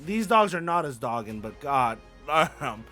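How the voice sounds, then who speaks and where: A man's voice: on the high side, sing-song, a little slow, bright, forceful tone, faint music behind. A young man hosting casual gaming commentary, hyped and playful, full of slang and repeated phrases. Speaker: gaming YouTuber host.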